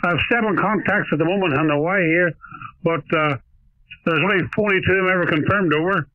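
A man from Ireland, heard over a shortwave radio as a ham operator, speaking in steady radio procedure and ending each turn with "over.". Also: high voice, fairly quick, dry recording. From Northern Ireland. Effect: heard over a shortwave radio receiver. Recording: tinny narrow-band radio signal.

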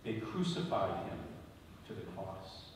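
A bishop preaches a homily from the ambo to a congregation in a large stone-walled church, solemn and deliberate, going phrase by phrase with emphatic stresses. His deep voice has a sing-song quality, and the distant mic captures heavy echo and faint noise.

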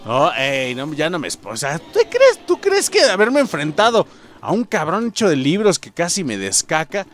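A young adult man with a Mexican accent giving excitable gameplay commentary, swearing and yelping as he plays. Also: a little high, normal speed, soft background music. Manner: excitable, swearing, yelps and shouts. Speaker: gaming youtuber.

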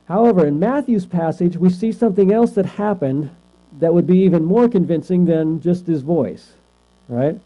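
Speaking at a normal speed in a high-pitched voice, a man runs a conversational Bible class. He often asks the class questions and checks in with "right?". Mains hum runs through the lo-fi recording.

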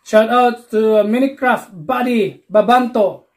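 A woman's voice: on the high side, measured pace, a little mellow. A woman from the Philippines with a Filipino accent, chatting casually in a family vlog and switching easily between Tagalog and English. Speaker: vlogger and mother.

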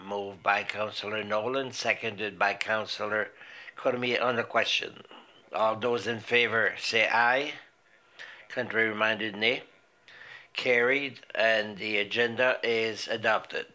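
Bright-voiced man chairing a council meeting. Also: fairly low pitch. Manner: measured, procedural, slow reading of numbers. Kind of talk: formal meeting procedure. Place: large council chamber. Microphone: desk microphone.

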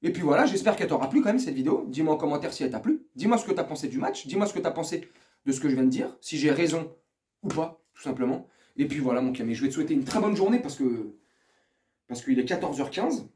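A man rants about his football team in a vulgar, furious vlog. His voice sits high and jumps between low grumbling and outright shouting. He talks through a small earphone microphone. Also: animated, fast talker. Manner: vulgar, ranting, swings from muttering to shouting. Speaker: football fan vlogger. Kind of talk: angry football rant. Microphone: earphones mic.

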